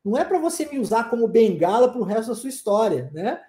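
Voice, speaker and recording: A man's voice: very high-pitched, big pitch swings, fast talker, warm tone, echoey room. A man teaching an English class online, explaining emphatically and checking in with the listener after almost every point. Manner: emphatic, tags sentences with tá and né.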